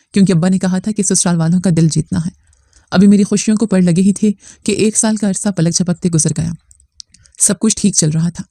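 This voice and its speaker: A woman narrating a first-person family drama story in a steady, somber manner. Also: fairly low pitch, no room sound, studio quality.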